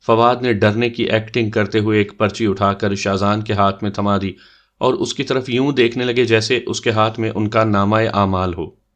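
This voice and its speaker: A man narrating an audio love story in a measured, even storytelling manner. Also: lowish voice.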